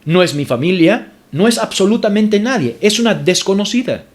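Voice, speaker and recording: A man preaching from the pulpit in a fairly high, lively voice that swings up and down. He repeats his verse references and calls his listeners brothers, pressing his points with emphatic force. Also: moderate pace. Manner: emphatic preaching, repeats scripture references, rises sharply when indignant; addresses congregation as brothers. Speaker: pastor. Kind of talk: sermon.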